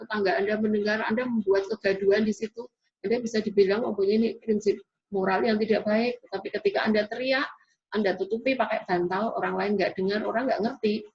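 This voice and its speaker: A woman giving a classroom lecture in an explanatory way, often tagging sentences with a questioning "ya". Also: mid-range voice. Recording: dull lo-fi recording.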